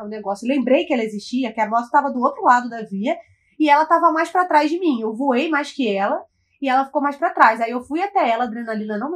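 A Brazilian woman with a Brazilian Portuguese accent telling a personal story in casual chat, animated and dramatic, swearing freely. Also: fairly high pitch.

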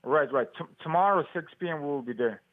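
A man answering the phone at a gym, speaking in halting, clipped, broken phrases. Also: fairly high pitch, no echo. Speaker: boxing gym staff on the phone. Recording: tinny phone line.

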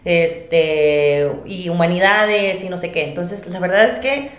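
A woman's voice: lowish voice, takes it slowly. A woman with a northern Mexican accent from Monterrey tells her own story in a casual interview, chatty and often interrupting herself to quote her own thoughts. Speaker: podcast guest, independent singer and artist. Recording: roomy, echoey sound.

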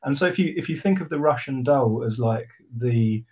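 Mann mit stockender Erklärweise. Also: male voice, mid-range voice, expressive, darkish tone. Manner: halting, explains with analogies, many fillers. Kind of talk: casual discussion.

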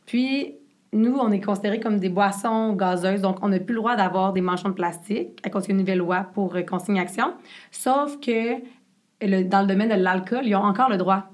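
Young québécois woman rattling off a story, quick and animated, casual chat. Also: medium pitch. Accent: Québécois French. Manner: rapid, animated, filler-heavy retelling. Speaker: business co-founder guest.

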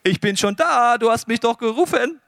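An eager boy answering the call in a retold scripture story, as a man puts him on, lifted a little above a man's own speaking pitch. The voice is high and keen, pushing the words out readily. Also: expressive, normal speed, creaky, a bit bright, no echo, studio quality, full character voice.

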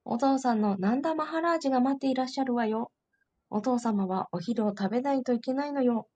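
A warm-hearted storybook mother calls fondly after her wandering little boy, as a woman reading the tale does her voice. The voice sits high and lifts even higher into sweet, coaxing calls. The coaxing runs gently through every line. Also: brisk, dull audio, lightly acted. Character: loving, doting mother calling her young son home.

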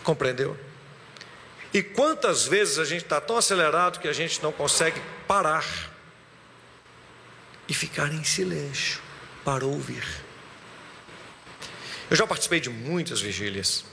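A man preaching a sermon as a pastor, dropping to a hush and then rising loud again. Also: on the high side, lively intonation, measured pace, gravelly, long pauses, in a large hall, slight background noise. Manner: preaching, swings from hushed to loud. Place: church.

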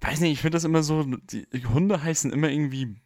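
A man's voice: on the high side, fairly quick, darkish tone, dry recording, clean studio sound. A man co-hosting a casual podcast chat, teasing his partner with crude jokes. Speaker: podcast co-host.

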